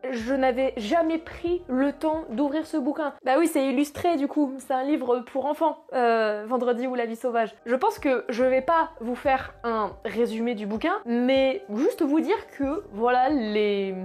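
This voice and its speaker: A young woman in her twenties talks through her year of reading in a loose, chatty vlog. Her voice sits a little high, and she drops slang and teasing asides at herself as she goes. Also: a little slow, hardly any pauses, darkish tone. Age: 20s. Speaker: book vlogger. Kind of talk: casual book review vlog.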